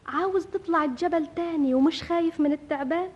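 A woman acting a spirited young village woman in an old Egyptian radio drama, with an Egyptian Arabic accent and an expressive delivery. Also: very high voice, fast talker, lo-fi sound. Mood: teasing. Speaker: Maysoun, heroine.

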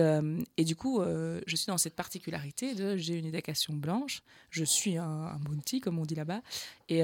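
A woman's voice: low voice, creaky, dry recording. A woman from the Charleroi area of Belgium with a Charleroi accent, a slam poet chatting animatedly as an interview guest and laughing often. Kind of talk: casual interview storytelling.

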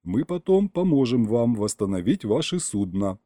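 Man voicing a calm, firm captain. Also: medium pitch, normal speed, dry recording, studio quality, close to an everyday voice. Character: calm starship captain, middle-aged man, commanding.

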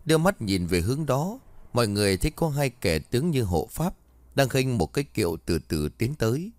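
A man narrating a horror story in a measured, dramatic scripted way. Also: medium pitch, big pitch swings, no room sound.

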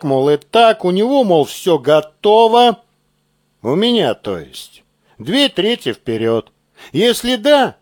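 A man voicing a gruff, scheming lieutenant colonel who bullies in a slow, mock-friendly drawl, reading an audiobook. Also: high-pitched, no room sound, studio quality, exaggerated voice.

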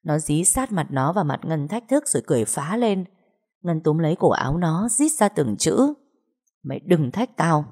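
Brief: female storyteller, lower pitch, steady dramatic narration. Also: moderate pace, breathy edge.

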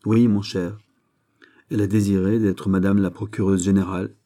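A man voicing a proud, courteous nobleman in a novel reading, answering politely and calmly. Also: low-pitched, normal speed, lightly acted.

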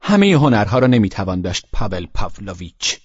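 A mischievous young woman , voiced by a male reader, teases in a mocking, playful tone. The voice stays husky over a dull, lo-fi storybook recording. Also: fairly low pitch, sing-song, no room sound, exaggerated voice. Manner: teasing, mocking tone. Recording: dull lo-fi sound.

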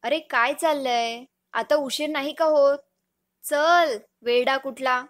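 A woman voicing a lively young wife in a storybook reading, chiding and a little bossy. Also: high voice, slow pace. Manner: scolding, bright.

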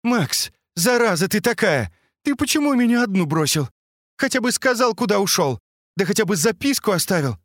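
A man's voice: sits high, very animated, moderate pace, no room sound, clean studio sound, voice pushed up. A man voicing a fiery young woman fighter who scolds her companion in an audiobook. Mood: scolding.

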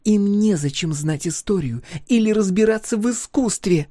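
A woman's voice: medium pitch, animated, normal speed, mellow, dry recording, clean studio sound, voice pushed up, close to an everyday voice. A man voicing a fierce, bitter young woman scientist whose voice breaks in anger. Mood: accusing. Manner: cutting, angry, voice breaking.

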